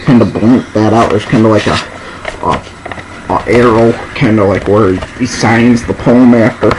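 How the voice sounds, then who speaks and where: A drunk man rambling casually and haltingly as he presents and reads out a poem, drawing words out and losing his thread. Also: on the low side, noisy background.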